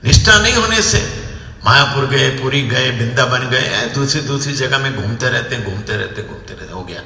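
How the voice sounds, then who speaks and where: A man giving a devotional storytelling talk to a gathering. He is animated, his voice climbs sharply when he acts out what others said, and he checks in with listeners with a questioning "hmm?". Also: medium pitch, normal speed. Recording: echoey hall with long reverb.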